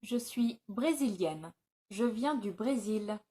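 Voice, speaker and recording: A woman's voice: mid-range voice, expressive, takes it slowly, dark tone, a little hiss or hum. A woman reading scripted phrases for a language-learning video, enunciating each short line carefully.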